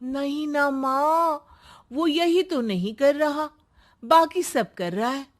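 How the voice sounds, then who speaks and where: A woman's voice: high voice, takes it slowly, pitched above the performer's own voice. A woman playing a scheming, falsely sweet young daughter in a moral story, with a wheedling way of talking. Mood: insinuating worry. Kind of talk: acted moral story dialogue.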